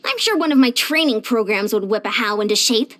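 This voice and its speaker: Here the tiny but determined young coach from the video game sounds mildly disapproving, speaking a little fast. Her very high, lively voice swings in pitch while she stays chatty, confident, earnest and plainspoken in her animated lines.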